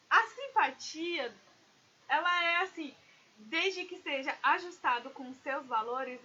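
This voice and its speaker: A woman business consultant giving an animated live-stream talk, speaking straight to her viewers. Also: high voice, dull audio. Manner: animated, addresses viewers directly.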